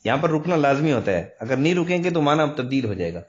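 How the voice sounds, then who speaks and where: Give me a man giving a calm recitation lesson at an average pitch, recorded on a muffled, lo-fi mic. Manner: patient, explanatory, repeats and stretches words to demonstrate. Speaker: Quran recitation teacher. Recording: dull lo-fi recording.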